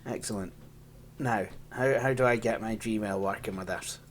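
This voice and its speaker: A man's voice: on the low side, normal speed, slight background noise. A Scottish man casually walking through an old operating system, rambling and poking fun at himself, laughing often. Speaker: tech channel host. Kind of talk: casual hands-on software walkthrough.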